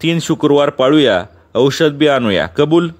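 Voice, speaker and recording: A man voicing a village temple priest who calms the assembly and seeks agreement. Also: on the high side, measured pace, pitched above the performer's own voice. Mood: persuasive. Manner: calming, appealing to the crowd.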